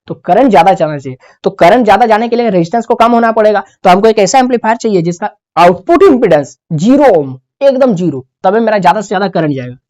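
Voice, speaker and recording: Male teacher dictating slowly. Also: high-pitched, animated, a little mellow. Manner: asks the class questions and answers them himself; slows down to dictate terms word by word. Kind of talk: classroom lecture while writing notes.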